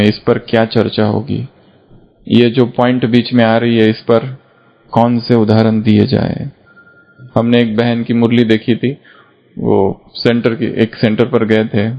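A man giving an earnest, instructive spiritual talk, repeating points and telling stories to make them. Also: mid-range voice. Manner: earnest, repetitive, storytelling. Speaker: spiritual teacher. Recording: dull lo-fi recording.

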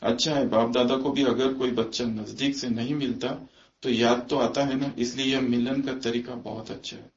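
A man's voice: mid-range voice, steady tone. A man giving a religious discourse to a gathering, asking many rhetorical questions and slipping in English phrases. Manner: slips quoted English phrases into his talk. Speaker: spiritual teacher. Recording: echoey, muffled room recording.

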